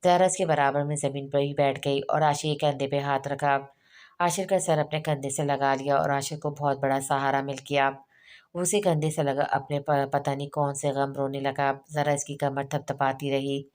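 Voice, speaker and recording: Brief: woman, audiobook narrator, very deep voice, monotone, reads every character herself. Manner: reads all characters in her own voice with small slips and restarts. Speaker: novel reader. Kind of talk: audiobook narration of a romance novel.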